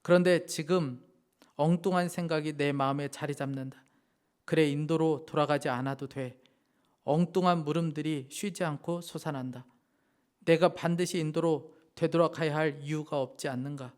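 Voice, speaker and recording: A man's voice: fairly high pitch, steady tone, moderate pace, a little mellow, smooth. Man preaching a Sunday sermon. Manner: reads a missionary's story aloud, then appeals to the congregation. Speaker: pastor. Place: church sanctuary.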